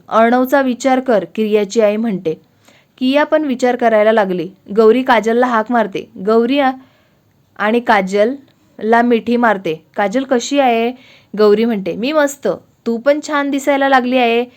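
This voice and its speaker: A woman's voice: fairly high pitch, a little slow. Marathi woman narrating a family story. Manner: reads every character's lines in her own voice.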